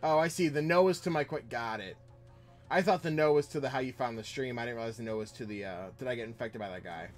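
A man's voice: mid-range voice, fast talker. Chatty male streamer playing and reading chat, faint music behind. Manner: rambling, chatting with viewers while playing. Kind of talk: casual gameplay chat.

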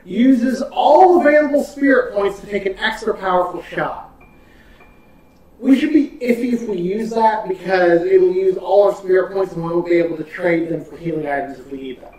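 Chatty, high-voiced man in an echoey room. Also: normal speed, a little mellow, recorded from a distance. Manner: chatty and jokey, explaining game mechanics. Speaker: co-host of a let's-play. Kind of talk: casual gaming commentary. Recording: echoey room, off-mic, faint hiss.

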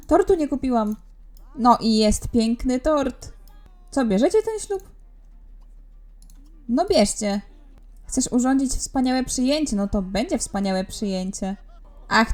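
Young woman, high-ish voice, unhurried chatty game commentary, orders her characters around. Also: darkish tone. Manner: chatty, bossing the characters around, frequent laughs. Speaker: gaming YouTuber. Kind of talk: casual let's-play commentary.

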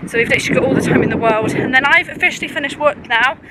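A woman's voice: high voice, very fast. A young woman vlogging on a windy mountain hike, chatty and rambling, a bit out of breath. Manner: chatty, rambling, says "literally" a lot. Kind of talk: casual vlog chat while hiking. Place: windy mountain trail outdoors. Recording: loud wind noise on mic.

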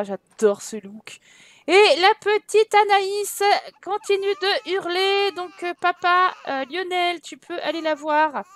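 A woman's voice: high-pitched, a bit bright. A woman giving casual, teasing commentary while playing a life-simulation game. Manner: chatty, teasing, exclaims at the game. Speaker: gaming let's-play host.

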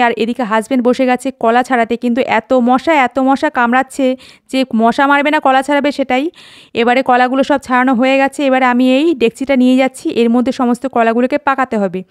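A woman's voice: sits high, smooth, dry recording, clean studio sound. A woman in her forties from West Bengal, narrating a chatty home vlog and talking straight to her viewers. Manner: chatty, homely, addresses viewers directly. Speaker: vlogger.

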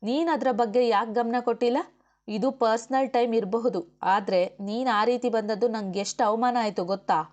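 A woman reading the part of a stern, quick-tempered male officer and husband in a commanding, scolding manner. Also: a little high, fairly even intonation, a little mellow, muffled recording, natural voice. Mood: angry. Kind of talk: audiobook character voice.

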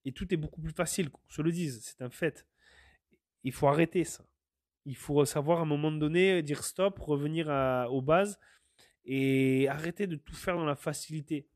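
A man's voice: on the high side, a little mellow, dry recording, clean studio sound. A man from France, hosting a podcast and talking earnestly through his opinions, with many fillers and restarts. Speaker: podcast host. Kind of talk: solo podcast monologue.

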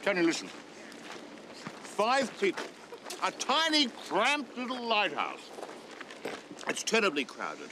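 An actor with an Australian accent playing a smooth-talking man who urges someone to sell, in a slow, coaxing pitch. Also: huge pitch swings, noisy background, heavily acted. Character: smooth-talking adult man pushing a lighthouse sale. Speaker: man urging a sale.

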